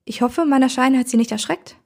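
A woman voicing a gentle, courteous male giant from elsewhere, with a gravelly, husky voice. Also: high voice, fast talker. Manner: courteous, softly wondering.

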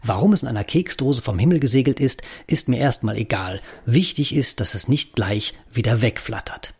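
A man reading a children's story in the first person, gentle and playful. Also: medium pitch, lively intonation, moderate pace, breathy edge. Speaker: narrator. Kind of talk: storybook narration.

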